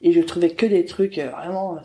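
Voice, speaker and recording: A woman who runs a neighbourhood bookshop, chatting as a podcast guest in a lively, joking way with many fillers and restarts. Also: on the low side, moderate pace. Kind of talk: casual podcast chat. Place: her neighbourhood bookshop in Paris.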